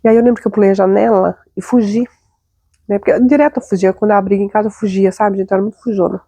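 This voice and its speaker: A young adult Brazilian woman hosts her own show, telling a personal story in a confiding way and checking in with her listeners often. She talks quickly, and her voice is mellow and gravelly. The sound is dry and close. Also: medium pitch, steady tone, no echo. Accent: Brazilian Portuguese. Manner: chatty, confiding, frequent tag questions. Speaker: host.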